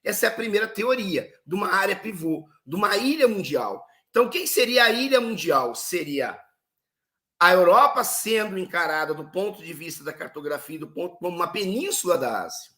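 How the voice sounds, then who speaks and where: A man lectures in a fairly high voice. His tone is bright and forward. He explains things step by step and often poses a question before answering it himself. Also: expressive, brisk. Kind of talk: lecture on history and geopolitics.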